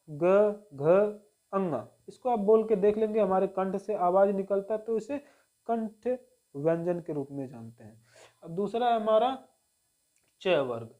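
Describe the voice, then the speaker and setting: A man teaching the Hindi alphabet, slowly sounding out each letter and repeating key points. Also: high voice, dark tone. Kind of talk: Hindi grammar lesson.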